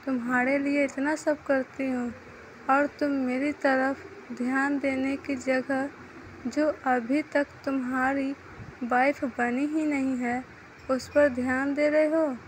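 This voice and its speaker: A woman's voice: high-pitched, little pitch movement, takes it slowly, a little hiss or hum, low-quality recording. A woman voicing a jealous young wife who demands attention, in a read-aloud romance story. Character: jealous young wife, scheming sister-in-law.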